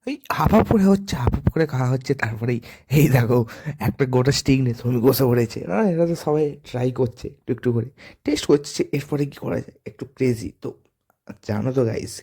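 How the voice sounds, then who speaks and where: A young man with a hoarse voice, chatting casually to viewers in a vlog. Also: mid-range voice, expressive, quick pace, mellow. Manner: chatty, addresses viewers as guys. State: hoarse from the cold. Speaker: vlogger.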